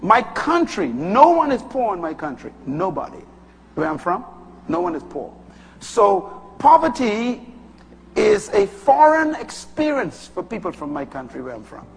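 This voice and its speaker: A man from the Bahamas with a Bahamian accent, preaching a sermon with emphatic bursts that rise high and drop low. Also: very animated, unhurried, gravelly, husky. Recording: long hall reverb.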